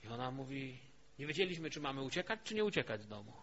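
A man preaching a sermon in a storytelling way, dropping to a hush and then rising to emphatic peaks. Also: medium pitch, sing-song, fast. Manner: storytelling, swings from hushed to emphatic. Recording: dull lo-fi recording.

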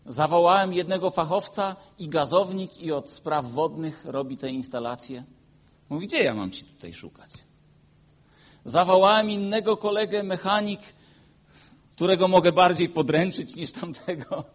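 A pastor preaching a sermon and telling a personal story. He swings between loud, emphatic peaks and quiet, low asides. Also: moderate pace.

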